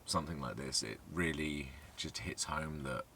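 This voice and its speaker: A man's voice: a bass voice, moderate pace, bright, forceful tone, a little hiss or hum. A young man from southern England, co-hosting a casual Q&A and joking around playfully. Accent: southern English. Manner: joking, playful, breaks into silly sung ditties. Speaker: co-host. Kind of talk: casual Q&A chat.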